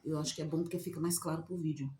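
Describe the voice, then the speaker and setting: A woman's voice: low-pitched, fairly even intonation, very fast, dark tone. A woman giving an informal Bible teaching, talking conversationally and asking many rhetorical questions. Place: outdoors in the sun.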